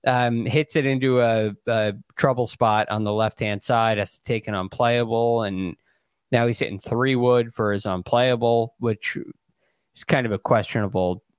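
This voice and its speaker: A man's voice: mid-range voice, steady tone, moderate pace, smooth, no echo, clean studio sound. A man co-hosting as a golf commentator, explaining shots in a casual, conversational way with hesitant phrasing. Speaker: golf podcast co-host and analyst.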